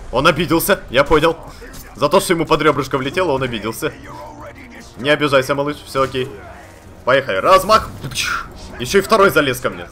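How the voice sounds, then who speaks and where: A man giving chatty, excitable commentary while playing a video game, talking to the characters on screen and swearing casually. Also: mid-range voice, a little hiss or hum. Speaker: let's play gamer. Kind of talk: live gameplay commentary.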